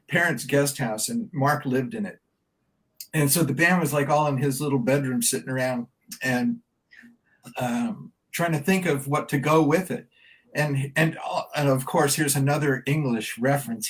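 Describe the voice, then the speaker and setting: A man's voice: on the high side, rough recording. Chatty older man telling a band story. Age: 70s. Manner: rambling, chatty anecdote-telling. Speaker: band member guest. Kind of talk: casual interview storytelling.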